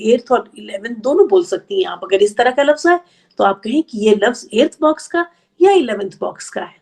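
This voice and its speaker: A woman teaching an Arabic grammar class, explaining patiently step by step and counting slowly aloud. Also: mid-range voice, a little mellow. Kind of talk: online class lecture.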